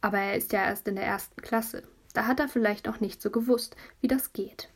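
A woman narrating a children's audiobook in a lively storytelling voice, telling it as a child would. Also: mid-range voice, fairly quick.

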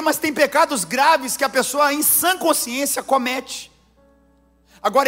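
Brazilian male pastor, high voice, emphatic sermon delivery in a reverberant hall. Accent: Brazilian Portuguese. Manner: emphatic preaching, swinging between hushed and near-shouted lines.

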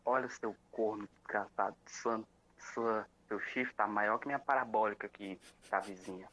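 A male caller on a dull, lo-fi phone line plays up his hurt feelings with melodramatic complaints. His voice sits fairly low. The line sounds muffled. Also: fairly even intonation, moderate pace, bright, forceful tone. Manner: mock-wounded, melodramatic.

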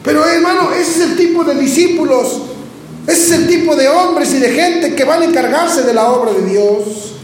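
A male pastor preaches in a church, calling out to the brothers and sisters and often stumbling over repeated words as he restarts. His voice sits very high. The sound is drenched in room echo, with faint noise underneath. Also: normal speed. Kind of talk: sermon. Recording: very echoey church hall with faint background noise.

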